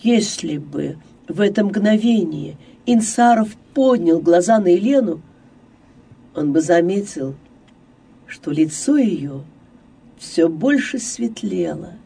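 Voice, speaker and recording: A narrator giving a slow, expressive reading of a classic novel. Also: medium pitch, vocal fry, breathy edge, recorded from a distance.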